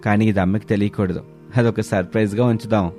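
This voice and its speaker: A man voicing a kind, supportive young husband in a cartoon, gentle and reassuring. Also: on the low side, fairly even intonation, fast talker, soft background music, lightly acted.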